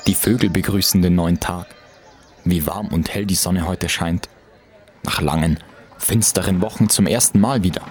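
An actor playing a courteous, world-weary knight with a dry, measured manner in an audio drama. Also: male voice, sits low, faint music behind, natural voice. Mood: wistful. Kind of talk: scripted audio drama acting.

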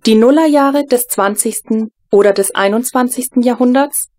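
A woman voicing a calm, polite female smart-home computer that speaks in even, announcing phrases. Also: on the high side, moderate pace, lightly acted.

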